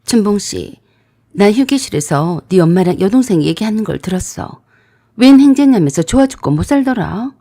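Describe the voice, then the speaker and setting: A hurt, angry young woman-to-be-married played by a woman pressing her fiancé with sharp questions. Her voice is mellow and mid-pitched. The sound is dry and close. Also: animated, normal speed, dry recording. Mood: accusing. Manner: confronting, pointed questions.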